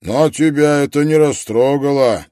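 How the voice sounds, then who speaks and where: A man doing a gruff, deadpan detective. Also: mid-range voice, a little slow, dry recording, clean studio sound, pitched above the performer's own voice, close to an everyday voice. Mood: accusing. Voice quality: gruff, rough. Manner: flat, impassive. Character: gruff deep-voiced male detective, blunt. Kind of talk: audiobook character voice.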